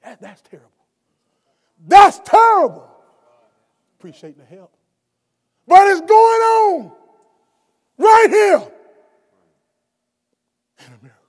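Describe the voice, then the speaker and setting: A middle-aged guest preacher with a high, bright voice delivers a sermon from a lectern in a college chapel, captured by a lectern mic and a wide camera. He speaks slowly with frequent pauses, swinging from calm teaching to shouted emphasis and stumbling and restarting as he speaks off the cuff. The big room adds a long, ringing reverb.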